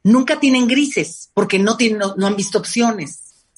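Mexican woman, husky and fairly high-pitched, lively expert guest acting out what parents say. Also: normal speed. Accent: Mexican Spanish. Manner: animated, acts out quoted parents in lively voices. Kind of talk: conversational interview.

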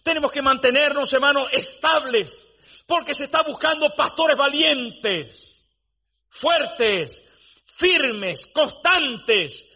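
Emphatic high-voiced man preaching. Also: lively intonation, slow, bright, forceful tone. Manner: dramatic storytelling, rising to emphatic declarations. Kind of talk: sermon.

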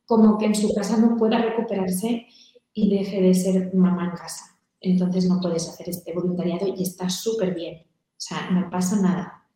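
A woman's voice: fairly low pitch, steady tone, moderate pace, dark tone. A middle-aged woman answering interview questions in an earnest, storytelling way, sometimes voicing her children. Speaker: founder of a volunteer mothers' group, guest. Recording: very echoey room.

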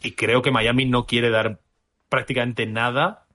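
Sharp in tone and mid-range in pitch, a male podcast co-host talks at a measured pace with little rise or fall. His casual delivery is reflective and tentative, with frequent restarts as he mulls his opinions.

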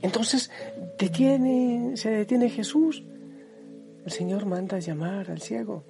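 A middle-aged man, a priest, giving a fervent devotional sermon that often sinks into hushed, near-whispered passages. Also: sits high, slow, gravelly. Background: soft music backing.

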